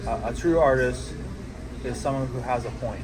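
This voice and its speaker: Young guy from japan talking about art, stops and restarts a lot, loud crowd noise behind him. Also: medium pitch, normal speed, poor audio. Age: 20s. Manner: hesitant, repeats words, many fillers. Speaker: artist being interviewed. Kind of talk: casual interview answers.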